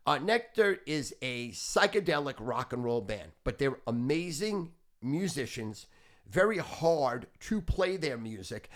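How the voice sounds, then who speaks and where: A brash man in his fifties spins long, wandering stories on his podcast, bragging freely and swearing constantly. His voice sits a little high for a man. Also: fairly bright tone. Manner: boastful, profane, rambling. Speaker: podcast host. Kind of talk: casual storytelling.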